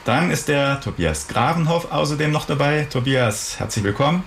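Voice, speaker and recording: Brief: male radio host, gravelly voice, chatty studio interviewer. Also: fairly high pitch, normal speed, slight background noise. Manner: relaxed, chatty, rambling questions.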